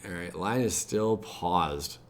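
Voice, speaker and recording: An American man who hosts a gaming channel speaks in a low voice at a slow pace, with slight background noise. He chats casually and rambles informally while reacting to web pages he reads aloud, tossing in mildly exasperated asides, like livestream chatter.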